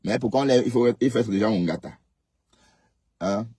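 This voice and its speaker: Deep, dark-voiced man scolding his viewers. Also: a little fast, husky, dry recording. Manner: scolding, rhetorical questions with tag "hein". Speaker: live stream host. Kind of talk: casual live commentary reading comments.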